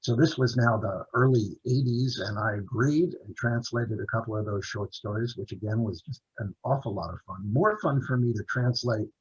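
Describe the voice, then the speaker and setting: This native English-speaking author and translator, a man guesting on a video-call interview, rambles through lengthy anecdotes with fillers and restarts. He speaks at a normal speed in a lowish, slightly rough voice, and the recording is muffled.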